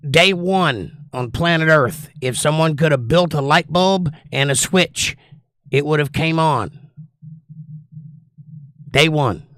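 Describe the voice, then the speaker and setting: A man's voice: fairly high pitch, fairly bright tone, no echo, clean studio sound. A man with a folksy hillbilly drawl, chatting casually and opinionatedly as a livestream host. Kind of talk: casual livestream chat, monologue answering viewers.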